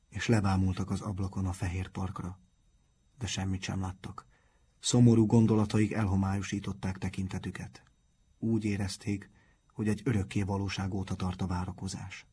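A man reading a children's novel aloud in a calm, measured audiobook narration. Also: deep voice, breathy edge.

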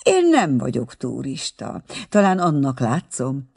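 A man voicing a dignified older gentleman who is taken for a poor guest and speaks firmly and indignantly. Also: medium pitch, wildly swooping pitch, gravelly, slightly rough, exaggerated voice. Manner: firm, indignant.

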